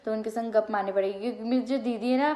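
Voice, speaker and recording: A young woman vlogs from her home and speaks into a phone camera. Her voice sits a little high. She chats casually and tells stories in an animated way, repeating words for emphasis. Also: quick pace. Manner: chatty, animated storytelling with repeated phrases. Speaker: vlogger. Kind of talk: casual home vlog chat. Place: at home, indoors.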